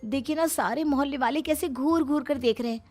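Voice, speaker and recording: A woman voicing a sensible, dutiful young daughter-in-law in a cartoon story who pleads and gently scolds. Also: sits high, a little fast, faint music behind, lightly acted. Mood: pleading.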